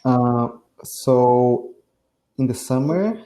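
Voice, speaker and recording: A Brazilian man learning English chats on a casual online lesson call, his Brazilian Portuguese accent clear as he hesitates and often restarts phrases. His medium-pitched voice is animated and dark in tone, with drawn-out words.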